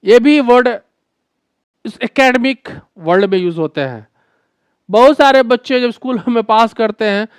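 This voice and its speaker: A man teaching pronunciation in a video lesson, explaining patiently and repeating words slowly for practice. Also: extremely high pitch, clear, resonant tone, no echo.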